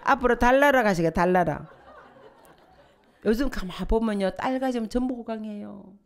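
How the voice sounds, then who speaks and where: A woman's voice: on the high side, moderate pace, a faint crowd. Older Korean woman preaching with humor. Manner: humorous, lively storytelling with sudden emotional swells. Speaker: pastor's wife preaching. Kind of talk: sermon. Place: church sanctuary.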